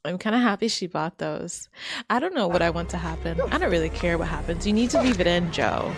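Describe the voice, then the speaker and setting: A woman's voice: on the low side, lively intonation, brisk. Blunt woman reacting to a show. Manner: blunt, profane, talks back to the screen. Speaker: reaction video host. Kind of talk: casual reaction commentary.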